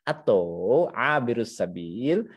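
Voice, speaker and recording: Big pitch swings and a breathy edge mark this man's mid-range voice as he lectures slowly on Islam in an Indonesian accent. As a teacher, he reads Arabic phrases, then unpacks them didactically with repeated phrases and chatty asides that keep checking in with listeners.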